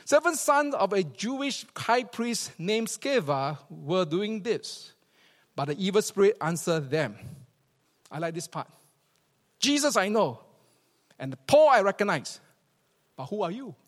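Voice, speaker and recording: A pastor with a Singaporean accent preaches to a congregation in a large church hall, mixing scripture reading with storytelling. His high voice is very animated, measured and marked by long pauses, and he repeats phrases emphatically for effect. The hall is reverberant.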